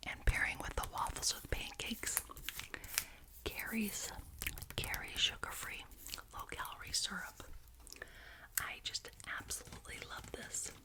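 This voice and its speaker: A woman whispering breathily in an ASMR ramble, enthusiastic and chatty, gently repeating phrases for emphasis. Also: unhurried, pauses often. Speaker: ASMR video creator.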